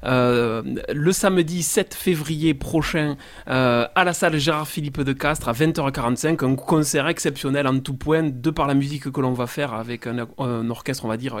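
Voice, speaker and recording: A man of middle pitch speaks for a guest band on local radio. He is earnest and thankful, and promotes the group's upcoming show. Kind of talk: casual radio chat.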